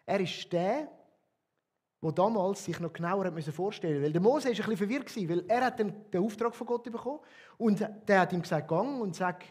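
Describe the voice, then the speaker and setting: A man's voice: high-pitched, a little fast, a little mellow, slightly rough. A man with a Swiss German accent, a pastor giving an earnest, emphatic sermon.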